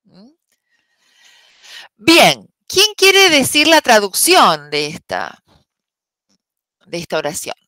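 A woman's voice: on the high side, huge pitch swings, slow pace, long pauses, bright, forceful tone, dry recording. A woman teacher, patiently explaining an English lesson step by step and often checking in with "¿sí?". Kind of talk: online class explanation.

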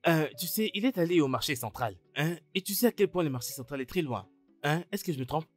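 A woman dubbing a chatty, teasing villager who flatters and dodges questions. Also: low-pitched, fast, soft background music. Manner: teasing, full of fillers and tags. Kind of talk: dubbed film acting.

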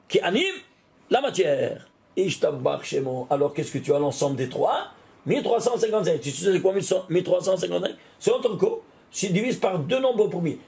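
A man with a high, gravelly voice teaches a recorded Torah class. He keeps asking his listeners questions and answers each one himself, his pitch rising and falling with energy. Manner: asks questions and answers them himself, animated rise and fall.

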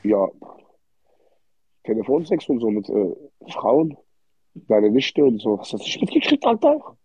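A man's voice: mid-range voice, wildly swooping pitch, unhurried, mellow, husky, dry recording. A man with an Arabic-influenced accent in German, chatting casually on a livestream in streetwise slang, with frequent Arabic interjections and repeated words. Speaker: livestream host. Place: indoor hotel room. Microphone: phone without headphones, held close. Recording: dull, lo-fi phone livestream audio.

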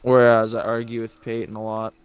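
A man's voice: fairly low pitch, completely flat delivery, fairly quick, clear, resonant tone, dry recording, highs cut off. A man recording himself gaming with a friend, laid-back and teasing in casual banter.

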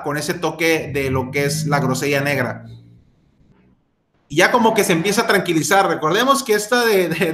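A man's voice: a little high, fairly bright tone, echoey room. A middle-aged man, casually reviewing a fragrance, chatty with many fillers and restarts. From Mexico.

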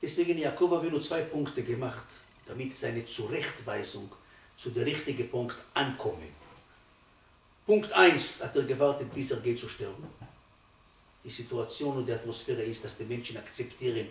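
A man in his eighties, a rabbi giving a Torah sermon, speaking emphatically and rising from quiet to loud to stress his points. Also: medium pitch, a little hiss or hum. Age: 80s. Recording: roomy, distant mic, faint ambience.

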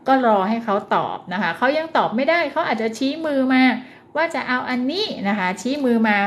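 A woman teaching parents how to encourage a child's speech, gentle and coaxing, who slows down and stresses words when she demonstrates. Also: high-pitched, lively intonation. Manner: gentle, coaxing, often ends phrases with polite particles. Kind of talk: parenting advice lesson.

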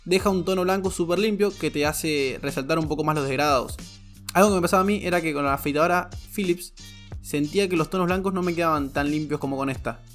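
A man, a barber giving a frank, explanatory voice-over tutorial. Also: a little high. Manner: frank, explanatory, repeats "muy pero muy". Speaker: barber reviewing shavers.

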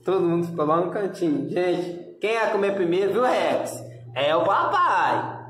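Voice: medium pitch, big pitch swings, normal speed, a bit bright. A Brazilian pet owner speaking to the camera in affectionate baby talk while feeding the dogs at home. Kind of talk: casual pet vlog narration. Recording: echoey room with noise. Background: dogs barking and growling.

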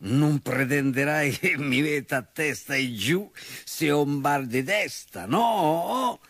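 A man voicing a boastful, lazy and dim-witted bull in a storybook, bragging loudly in rhymes. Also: a little high, animated, takes it slowly, no echo, clean studio sound, heavily acted. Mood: excuse-making. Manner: loud bragging sing-song rhymes.

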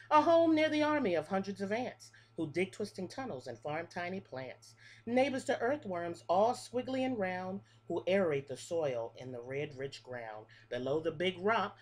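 A pre-K teacher with a lowish voice reads a children's picture book to preschoolers in a sing-song, rhythmic way, adding explanations for the kids. She's recorded at close range on a webcam in a small room with a classroom wall display.

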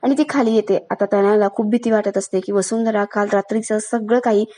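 A woman narrating a recap of a TV serial episode in a steady storytelling manner, reading out the characters' lines as she goes. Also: medium pitch, fairly quick. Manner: steady storytelling, voicing the characters' lines without big changes.

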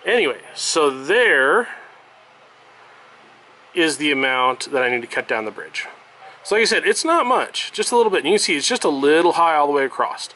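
Relaxed man explaining workshop steps. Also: a little high, moderate pace, a little hiss or hum. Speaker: violin maker. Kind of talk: workshop tutorial. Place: workshop bench.

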